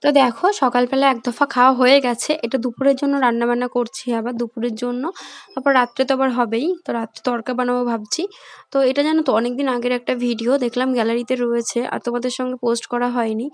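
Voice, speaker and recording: Fast, flat-voiced woman vlogging. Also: fairly high pitch, no echo. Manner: chatty, explains plans to viewers. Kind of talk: casual home vlog. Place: home kitchen.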